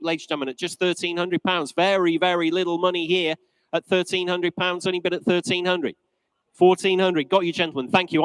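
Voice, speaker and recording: A man's voice: sits high, fairly bright tone, smooth, dry recording, poor audio. A man working as an auctioneer, calling bids live in a polished, courteous, repetitive patter.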